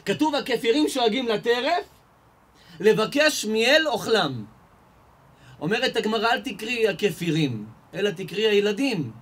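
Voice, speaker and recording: A man giving a lively Torah lesson to an audience, telling everyday stories and firing rhetorical questions that he answers himself. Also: breathy edge. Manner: animated storyteller, asks and answers his own questions, rises in pitch and volume. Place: live event hall before an audience.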